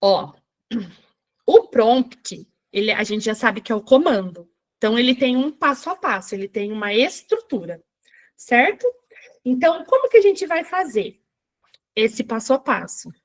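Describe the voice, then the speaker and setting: A woman running a live online workshop for teachers, chatty and checking in with her viewers, reading screen text aloud slowly, with a Brazilian Portuguese accent. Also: fairly high pitch, sing-song. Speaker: teacher trainer.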